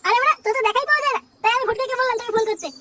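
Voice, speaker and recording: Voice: very high-pitched, racing, very noisy. A performer voicing a cocky, foul-mouthed teenage boy who brags and coaxes his friend in a cartoon comedy. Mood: coaxing. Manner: crude swearing, boastful, coaxing.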